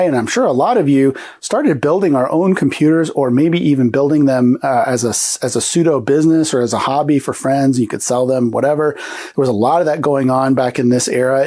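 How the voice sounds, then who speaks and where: A man's voice: mid-range voice, dark tone, slightly rough. A man in his forties hosting a casual retro computer show, a bit nasal and congested from a recent illness, chatty and upbeat with loose fillers. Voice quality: slightly nasal. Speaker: host.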